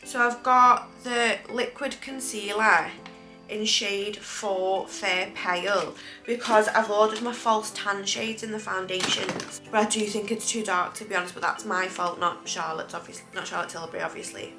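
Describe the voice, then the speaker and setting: A woman's voice: medium pitch, steady tone, normal speed, pushed and bright, soft background music. A British woman chatting casually to camera as a beauty vlogger, rambling and correcting herself, her speech slightly impeded after dental work. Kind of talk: casual makeup review chat to camera.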